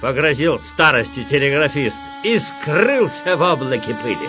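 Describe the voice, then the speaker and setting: A male actor narrating a radio literary reading in a measured, expressive way. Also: fairly high pitch, music in the background. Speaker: actor, reader.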